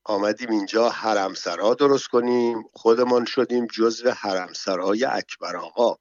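A man's voice: fairly low pitch, no echo, close to an everyday voice. A man reading a storybook, voicing a fussy nobleman disguised as a pregnant woman who whines and moans in a thin put-on voice, on a dull, dry recording. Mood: grumbling. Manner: whining, moaning in a thin put-on voice.

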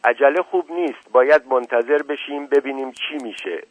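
A man's voice: mid-range voice, dry recording, voice pushed up, lightly acted, low-quality recording. A man reading aloud as a firm, decisive village elder who leads the others. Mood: commanding. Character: commanding village elder man, calm leader.

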